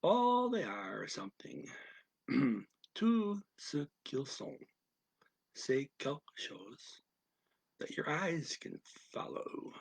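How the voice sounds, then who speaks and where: A man teaching a language lesson, reading each phrase and then its translation in a deliberate, soft manner that drops near a whisper at times. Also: fairly high pitch, sing-song, creaky, slightly rough, dry recording, low-quality recording. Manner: deliberate, alternates each English phrase with its French version.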